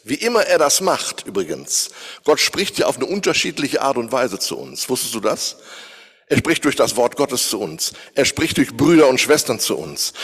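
A man's voice: a little high, a bit bright, slightly rough, big-room sound. A man preaching a sermon, speaking straight to his listeners and asking them searching questions. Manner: addresses listeners directly, posing searching questions.

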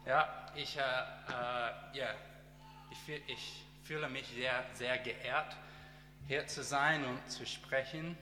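A man from Australia whose first language is English, giving a short sermon in careful, halting German with many pauses and restarts. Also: medium pitch, steady tone, bright, forceful tone, roomy sound, long reverb tail. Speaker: guest speaker and teacher. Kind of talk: church testimony and short sermon.

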